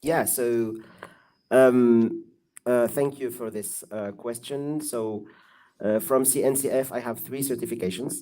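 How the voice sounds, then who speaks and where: A man, a guest on an online panel, explaining things in a measured way over a video call. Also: medium pitch, fairly even intonation, mellow. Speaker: guest expert. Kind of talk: casual online panel chat.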